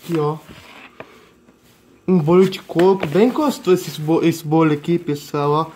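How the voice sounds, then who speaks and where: A late-teen young man with a Brazilian accent vlogs a casual grocery haul in his home kitchen, his voice warm, somewhat high, and measured. He repeats himself and points things out with filler tags, while plastic bags crinkle clearly in the background.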